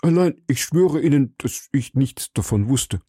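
A man voicing a timid, frightened shopkeeper who pleads anxiously in a raised, higher voice. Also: animated, a little slow, warm tone, breathy edge, no room sound, clean studio sound.

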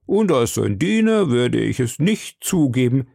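A man's voice: mid-range voice, very animated, unhurried, gravelly, warm tone, breathy edge, no room sound, studio quality, heavily acted. Man doing a pompous greedy shopkeeper. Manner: pompous, self-important. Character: vain, greedy middle-aged male shopkeeper. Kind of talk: audiobook character reading.

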